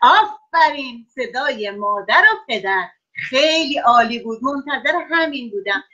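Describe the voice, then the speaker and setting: A woman's voice: high-pitched, animated, pushed and bright. A woman teaching children in an online class, praising and encouraging each pupil by name. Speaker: schoolteacher. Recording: dull lo-fi online call audio.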